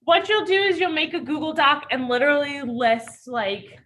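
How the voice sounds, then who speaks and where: A woman's voice: high-pitched, moderate pace, a bit bright. A young woman teaching a classroom lesson, talking casually with lots of fillers in an upbeat way. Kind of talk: classroom instruction.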